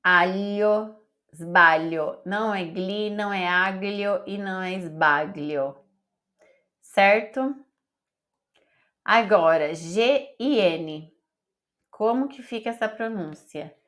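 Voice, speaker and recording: A woman teaches an online pronunciation lesson at an unhurried pace. She spells out letters and syllables with careful, deliberate repetition. Her voice sits in a middle pitch. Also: fairly bright tone. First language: Portuguese. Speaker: Italian teacher.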